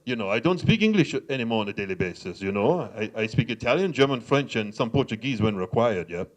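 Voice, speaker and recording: A man's voice: animated, lightly acted. A comedian imitating a pompous man with a put-on transatlantic accent. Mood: smug. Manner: pompous, slow, lowered voice.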